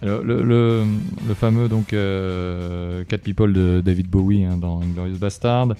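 A man's voice: deep voice, fairly even intonation, measured pace, mellow, smooth, faint music behind. A man chatting casually about film as a podcast co-host, hesitant with many fillers and restarts, tired late at night.

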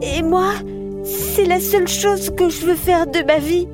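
A tearful little girl in a storybook reading, as a woman puts her on. She speaks very high and sobs through slow, drawn-out words, with faint music under the voice. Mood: tearful pleading. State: crying.

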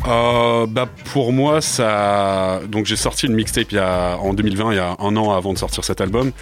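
Faint music plays behind a man in his twenties with a lowish voice speaking at normal speed. He is a rapper guest from France and a native English speaker, answering a studio radio interview full of hesitations and fillers.

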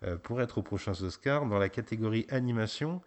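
Low-voiced man hosting a podcast. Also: fairly quick. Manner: relaxed, gently prompting, frequent hesitations. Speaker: podcast host; father interviewing his child. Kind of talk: casual film podcast interview.

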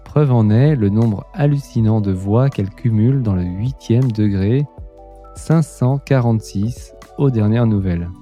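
Deep, dark-voiced male podcast host. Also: a little slow, soft background music. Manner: hesitant, many fillers and restarts when asking. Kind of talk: scripted intro then casual interview.

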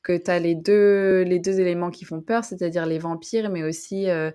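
A woman from northern France chatting casually as a podcast co-host. Her voice sits a little low, and she hesitates often, filling pauses and restarting her sentences as she thinks aloud. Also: steady tone, mellow, clean tone. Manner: hesitant, many fillers and restarts. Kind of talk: casual chat.

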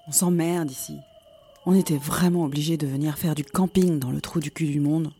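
A woman's voice: deep voice, steady tone, normal speed, mellow, slight background noise. A woman playing a bored, grumbling camper. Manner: grumbling, then whispering the story. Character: bored young woman storyteller at a campsite.

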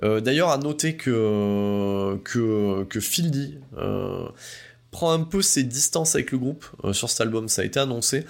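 A man's voice: medium pitch, lively intonation, unhurried, creaky. A man giving a casual spoken album review, hesitant with lots of fillers and restarts, but enthusiastic and informal. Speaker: music reviewer.

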